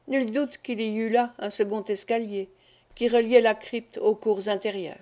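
A woman reading a classic novel aloud as an audiobook, in a measured, expressive way. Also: on the high side. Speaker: audiobook narrator. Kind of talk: scripted narration of a classic novel.

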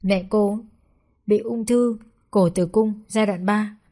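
Storybook: woman doing a blunt, matter-of-fact male doctor, mellow tone. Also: medium pitch, fairly even intonation, slow, lightly acted. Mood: stern. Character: stern middle-aged male hospital doctor. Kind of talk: storybook narration.

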